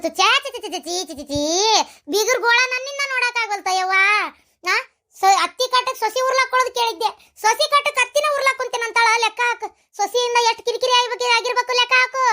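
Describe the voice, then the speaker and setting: A woman's voice: very high-pitched, quick pace, bright, forceful tone. A woman voicing a chatty, defensive middle-aged mother in a cartoon, speaking fussily in a North Karnataka Kannada accent. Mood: fussing. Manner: fussy, sing-song, fond of proverbs.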